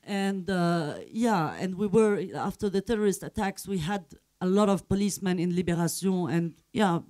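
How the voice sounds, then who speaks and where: Hesitant man, mellow voice. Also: high voice, moderate pace. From Morocco. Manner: hesitant, many fillers and restarts. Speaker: panel guest, journalist. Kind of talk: panel discussion answer.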